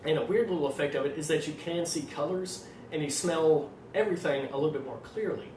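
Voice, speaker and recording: A man with an Arkansas accent explaining things informally as a trainer, in a fairly monotone voice with a slight tendency to stutter. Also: a little high, a little fast. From Arkansas, United States. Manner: self-described monotone delivery. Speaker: fitness trainer presenting supplement advice. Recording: roomy echo, distant mic, faint noise.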